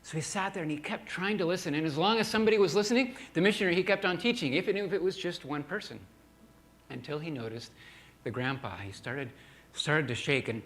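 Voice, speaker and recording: Male preacher, earnest sermon storyteller, a bit high-voiced, stumbles and repeats words. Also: quick pace, fairly bright tone, a little hiss or hum.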